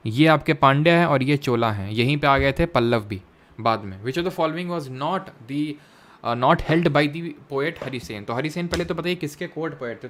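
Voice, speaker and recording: A young man with an Indian accent teaching an exam-prep history class. He puts questions to his students, answers them himself, and drops English terms into his speech. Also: fairly high pitch. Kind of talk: classroom lecture with quiz questions.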